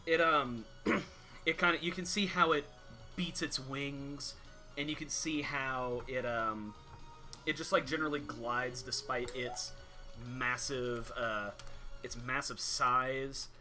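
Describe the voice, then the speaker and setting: A man working as game master, casually narrating a tabletop game in halting, improvised explanations. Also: mid-range voice, fairly even intonation, bright, forceful tone, faint music behind.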